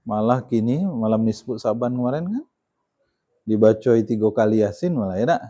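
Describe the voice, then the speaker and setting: A man's voice: on the low side, normal speed, mellow. A man giving a Quran study sermon in a conversational way, often ending points with tag questions and pressing them with emphasis. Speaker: Islamic preacher.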